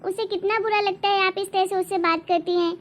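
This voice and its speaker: A woman voicing a caring mother in a family story, soft-spoken and steady. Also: very high voice, a little fast. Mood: firm. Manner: soft, soothing. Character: gentle loving mother of a young daughter. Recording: dull lo-fi recording.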